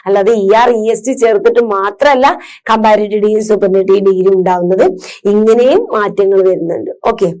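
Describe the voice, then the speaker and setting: A woman's voice: medium pitch, a little fast, darkish tone. A woman teacher patiently explaining grammar to children, asking and answering her own questions. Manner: patient, asks and answers her own questions, mixes English terms into Malayalam.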